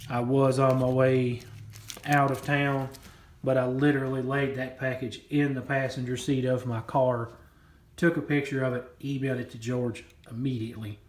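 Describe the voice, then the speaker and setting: A man's voice: mid-range voice, a little mellow, echoey room, a little hiss or hum. A man chatting casually while opening a package, rambling and repeating himself as he goes. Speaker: coin collecting vlogger. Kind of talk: casual unboxing chat.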